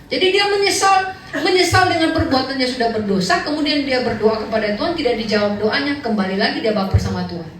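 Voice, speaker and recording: A woman's voice: high voice, quick pace. Woman pastor preaching in an echoey hall. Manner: lively, humorous storytelling, acting out quoted people. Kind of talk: sermon. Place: large church hall. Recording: echoey, distant church recording with faint noise.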